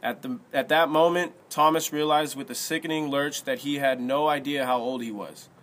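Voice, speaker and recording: A man reading an audiobook as narrator in a steady, even storytelling manner. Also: medium pitch, normal speed.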